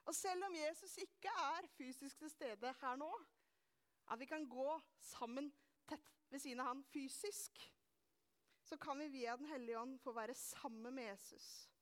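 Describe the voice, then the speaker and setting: A woman preaching in church, her voice pitched high and light. She reads scripture slowly, then talks freely and with feeling, laughing at her own slips. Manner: warm, lively, laughs at herself. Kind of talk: sermon.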